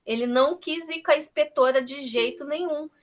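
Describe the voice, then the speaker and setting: A woman's voice: high-pitched, a little fast. A woman on a video call sharing a personal story with a church group, emotional and full of quoted dialogue. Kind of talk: personal sharing in an online prayer meeting.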